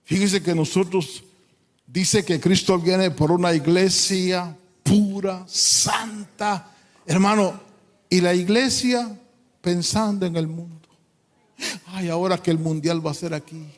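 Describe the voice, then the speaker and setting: Fervent preacher, high voice. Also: male voice, steady tone, takes it slowly. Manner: fervent, swinging from quiet asides to loud pleading. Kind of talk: sermon. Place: church hall. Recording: long hall reverb.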